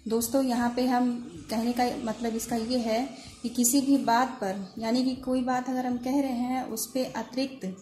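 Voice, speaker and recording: Woman teacher walking through grammar examples, slightly high voice, faint music, roomy echo. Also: steady tone, mellow. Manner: patient, explains slowly and repeats examples. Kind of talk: grammar lesson for exam prep. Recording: echoey room with faint music.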